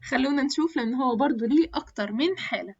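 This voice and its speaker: A woman with an Egyptian Arabic accent teaching English pronunciation in an online lesson, drilling lists of English words and stretching them out slowly. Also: high-pitched, expressive, a little mellow, slightly rough, muffled recording.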